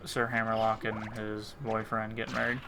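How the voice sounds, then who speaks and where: A man's voice: fairly low pitch, monotone, normal speed, vocal fry, background noise. A man chatting casually with a friend during a game stream, laughing often and using lots of fillers. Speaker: co-host friend. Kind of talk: casual gaming chat.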